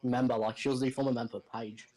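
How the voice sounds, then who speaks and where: An Australian man in casual stream chat, talking fast and stumbling over his words. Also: medium pitch, steady tone, dark tone, poor audio.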